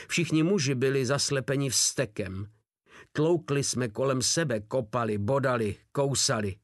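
A man's voice: medium pitch, dry recording, clean studio sound. A man narrating a war novel in the first person with a grim, dramatic reading. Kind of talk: audiobook narration.

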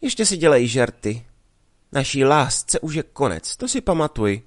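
A man's voice: medium pitch, sing-song, no echo, clean studio sound, pitched above the performer's own voice, close to an everyday voice. A man reading a story aloud, voicing a proud young village woman in a raised, reproachful voice. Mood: indignant. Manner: reproachful, indignant.

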